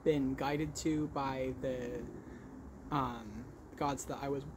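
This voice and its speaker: Against a noisy background, a vlog host with a medium-pitched voice and fairly even intonation talks casually about his crochet work in a podcast-style chat. He speaks haltingly, stuttering with repeated sounds and blocks, and often corrects himself mid-thought.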